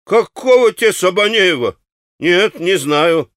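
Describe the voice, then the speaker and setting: A man voicing an excitable, dim-witted young shop clerk who shouts and repeats himself in an audiobook. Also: high-pitched, takes it slowly, no room sound, clean studio sound, voice pushed up, full character voice. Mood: agitated.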